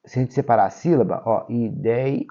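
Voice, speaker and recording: A Brazilian man with a Brazilian Portuguese accent teaches an exam-prep grammar lesson step by step, checking in often with "tá?" and "ok?". He is expressive and speaks at a normal speed, stressing key words with sudden jumps in pitch and loudness. The sound is lo-fi.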